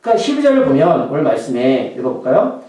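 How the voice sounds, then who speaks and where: A man's voice: medium pitch, wildly swooping pitch, quick pace, warm tone, heavy reverb, distant mic, low-quality recording. A male pastor delivering a sermon in a conversational way, often throwing questions to the congregation.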